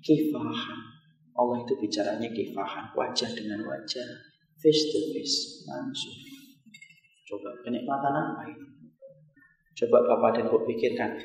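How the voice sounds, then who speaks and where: A man preaching a sermon in a mosque, swinging from loud emphasis to soft storytelling. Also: mid-range voice. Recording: echoey mosque hall, mic from far off.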